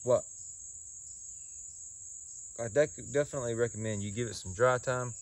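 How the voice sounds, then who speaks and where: Guy doing a casual review, gravelly fry, folksy, stops and repeats words, real dry sound. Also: mid-range voice, no echo. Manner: folksy, halting delivery with repeated words and pauses. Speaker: pipe tobacco reviewer. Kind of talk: casual solo review talk.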